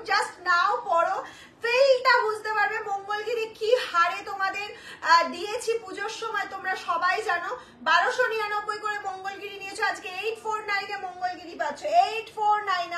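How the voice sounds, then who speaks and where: A woman runs a live sari sale, her very high voice bright and insistent. She circles back to prices, coaxing viewers to book fast. The room is echoey, with a faint hiss underneath. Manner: repetitive, urgent, coaxing buyers; mixes in Hindi and English phrases. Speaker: saree seller hosting a live sale. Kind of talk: live-stream sales pitch.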